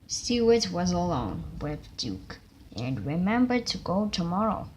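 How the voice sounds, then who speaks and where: A woman reading a children's train story aloud, halting and stumbling over words. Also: lowish voice, sing-song, darkish tone, a little hiss or hum. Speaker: reader.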